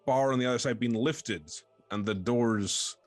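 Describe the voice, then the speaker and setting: A man's voice: medium pitch, measured pace, no echo, faint music behind. Hesitant man narrating as game master. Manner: hesitant, many ums and restarts, descriptive.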